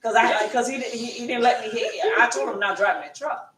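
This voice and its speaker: Woman co-host, middle-aged, rambling casual storyteller, a bit high, recorded roomy and off-mic. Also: quick pace, recorded from a distance, crowd noise. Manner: rambling, repeats phrases, casual Southern-style grammar. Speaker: podcast co-host. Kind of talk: casual chat.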